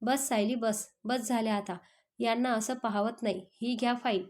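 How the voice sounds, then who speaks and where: A woman's voice: a little high, steady tone, moderate pace, natural voice. A woman voicing a playful young female office assistant who teases her boss. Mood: teasing. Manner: playful, then gentle.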